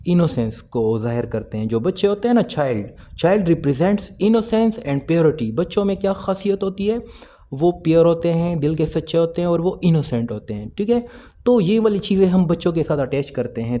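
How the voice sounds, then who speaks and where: A man from Pakistan, an English teacher, walks through exam questions. He asks his own questions, answers them, and reads the English sentences slowly. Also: on the high side, dark tone.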